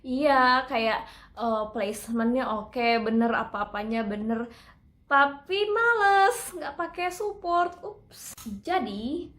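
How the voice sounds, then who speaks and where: A woman's voice: sits high, slow, fairly bright tone, echoey room. A woman teaching singing in a casual, chatty way, breaking into operatic phrases to demonstrate.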